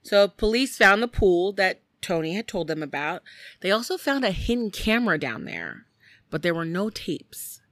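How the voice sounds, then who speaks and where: A woman's voice: medium pitch, moderate pace, no echo. A woman co-hosting a podcast, casually recounting a true-crime case and acting out the people in it, with lots of "like". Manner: animated, acts out quoted people, frequent "like". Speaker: podcast co-host.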